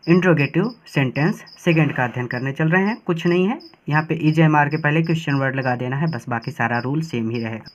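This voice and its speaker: A man teaching English grammar at a board, working through examples slowly and spelling out words as he writes. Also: on the high side. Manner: slow dictation-like pacing, spelling words out. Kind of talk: board lesson explaining grammar. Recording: dull lo-fi classroom recording.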